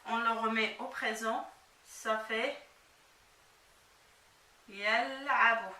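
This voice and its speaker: A woman's voice: high-pitched, slow pace, bright, forceful tone. A woman teaching Arabic reading to a child, patiently sounding out each letter and vowel mark one at a time. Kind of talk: slow spelling-out lesson for a child. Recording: echoey room, mic at a distance.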